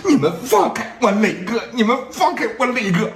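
Brief: man putting on a high, shrill young woman, pleading and boastful, echoey room. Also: sing-song, moderate pace, gravelly, fairly bright tone, exaggerated voice.

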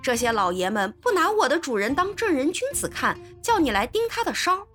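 A woman voicing a hot-tempered, loyal young male servant in a storybook reading, speaking in loud indignant outbursts. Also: very high voice, sing-song, normal speed, soft background music, full character voice.

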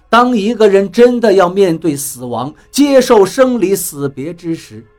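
A man narrating a first-person adventure story in a dramatic, expressive storytelling manner. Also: sits high.

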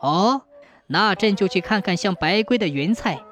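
A woman's voice: mid-range voice, expressive, normal speed, a bit bright, soft background music, close to an everyday voice. A woman voicing a jovial, greedy male emperor who laughs and teases his officials. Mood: playful regal. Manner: laughing, mock-regal. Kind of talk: storytelling with acted dialogue.

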